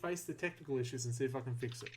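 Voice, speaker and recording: A man's voice: mid-range voice, very fast, a little hiss or hum. A man hosting a casual podcast, chatty and laughing easily while a little flustered. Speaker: podcast host.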